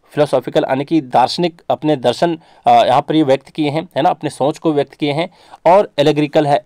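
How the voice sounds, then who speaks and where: A man teaching English literature in a patient, repetitive way. His voice sits a bit high, but its tone is mellow. The sound is dry and close, with no room echo. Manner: explains in a patient, repetitive way, drifting between Hindi and English terms. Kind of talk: exam-focused lecture.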